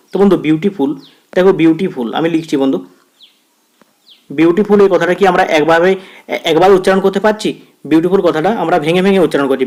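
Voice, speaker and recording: Man with a Bengali accent and a slightly high voice, teaching exam grammar, friendly, repetitive, slow careful reading of English sentences. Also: darkish tone. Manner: addresses viewers as friend, repeats phrases; reads English quiz sentences slowly, word by word. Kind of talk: exam-prep grammar lesson.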